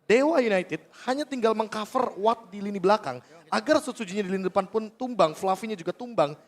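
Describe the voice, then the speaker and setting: High, fast-talking male esports analyst. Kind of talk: live match analysis commentary.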